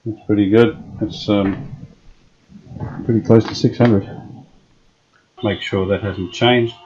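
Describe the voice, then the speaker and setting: A man from Australia takes it slowly as he narrates fixing up an old radio in his workshop, his lowish voice relaxed and peppered with fillers as he thinks aloud. Background noise runs under the dull lo-fi recording.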